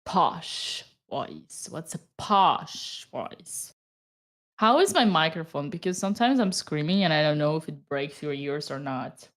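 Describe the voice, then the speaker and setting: A woman with a Romanian accent giving live chess commentary to her chat, excitable and cheering at good moves. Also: low-pitched, a little slow.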